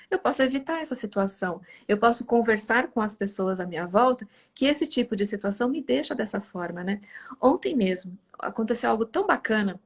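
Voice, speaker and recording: A middle-aged woman hosting a live talk, chatting casually and acting out family conversations with animation. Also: on the high side. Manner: animated, acts out family dialogue. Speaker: live host.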